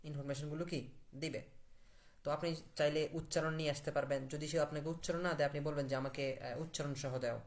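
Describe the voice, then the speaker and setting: A man's voice: on the high side, fairly even intonation, a little fast. A man teaching Italian in a live online class. He asks the class questions, answers them himself and repeats words for stress.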